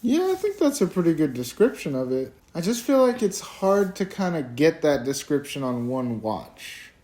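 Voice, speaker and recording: A man's voice: on the high side, sing-song, normal speed, mellow. A man co-hosting a casual movie review, laid-back and hedging, with lots of "like".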